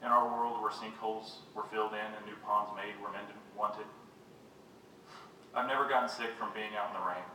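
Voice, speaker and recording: A man's voice: on the low side, steady tone, bright, forceful tone. Man reading poems in an echoey room. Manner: measured, unhurried reading of poems; wry, self-mocking banter between them. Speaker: poet reading his own work. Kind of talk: live poetry reading with joking asides. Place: reading venue with a live audience. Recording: very echoey room, voice picked up from a distance, faint background noise.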